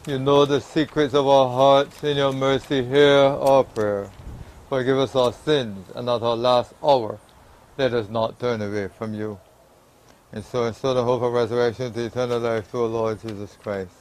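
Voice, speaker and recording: A man, a priest at a graveside, reciting a funeral liturgy in a solemn, measured, prayerful way. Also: mid-range voice, steady tone, poor audio. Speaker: priest officiating a burial.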